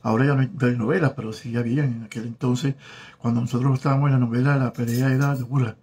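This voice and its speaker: Reading viewer comments in a casual live-stream chat, a husky-voiced Venezuelan man in his 40s speaks in a steady, mid-pitched tone. He's a former telenovela actor now hosting from home in South Florida, and he comes across as affectionate and flirtatious, reading names out with some hesitation.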